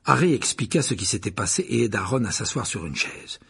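A man narrating an audiobook in an expressive, animated reading. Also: lowish voice, a little fast, vocal fry, breathy edge.

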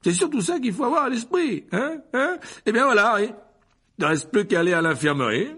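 A man reading an audiobook, voicing a vain, pompous male wizard teacher in a loud, self-assured voice. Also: big pitch swings, fairly quick, slightly rough, heavily acted. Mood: boastful. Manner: booming, self-assured, chattering.

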